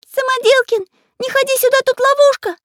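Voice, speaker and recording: A panicky little pencil-man artist from a storybook. His voice is squeaky and strained, pitched far above a normal speaking voice, and he cries out his warnings at full volume. The reading is dry and close, with no room around it. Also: steady tone, fairly quick, no echo. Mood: alarmed shouting. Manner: shrill and shouting.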